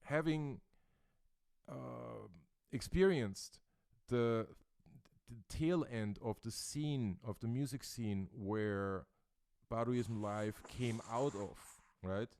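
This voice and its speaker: A man's voice: medium pitch, takes it slowly, vocal fry, a little mellow, clean tone, dry recording. A male host from Austria chatting in an interview, thoughtful and searching for his words. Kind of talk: casual interview chat. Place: Brooklyn, New York.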